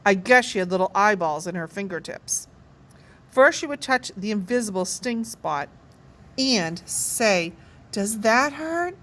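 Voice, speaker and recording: A woman reading a children's novel aloud with expressive, animated storytelling. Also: medium pitch, unhurried. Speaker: children's book reader.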